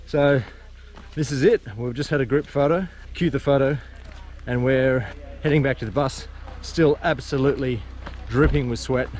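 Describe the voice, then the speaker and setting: A man's voice: mid-range voice, moderate pace, a little mellow. A man narrating a casual travel vlog in a wry, understated but appreciative way. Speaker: travel vlogger. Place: mostly outdoors on a tour. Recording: outdoor handheld recording with ambient noise.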